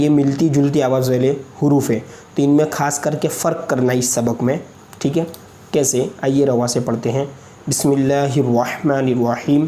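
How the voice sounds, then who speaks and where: Patient man drilling letters slowly. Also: mid-range voice, warm tone. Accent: Indian Hindustani. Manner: patient, slow syllable-by-syllable drilling; frequent checking asides. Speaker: Quran reading teacher. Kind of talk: step-by-step recorded lesson.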